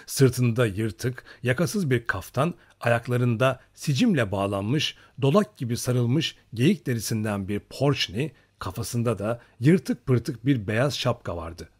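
A man reading an audiobook story aloud in a steady storytelling manner. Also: mid-range voice, slow pace, hardly any pauses, slightly rough. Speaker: narrator. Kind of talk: audiobook narration.

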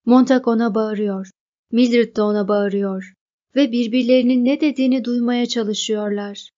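A woman narrating a novel as an audiobook reader, in a measured, even reading. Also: on the high side, muffled recording. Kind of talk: scripted narration.

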